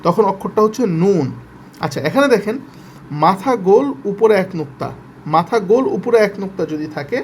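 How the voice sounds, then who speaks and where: A man with a fairly high voice and a Bangladeshi Bengali accent teaches Quran letters step by step. He is patient and repetitive, sounding out each syllable slowly. Faint ambience sits behind him. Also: slight background noise. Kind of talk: step-by-step reading lesson.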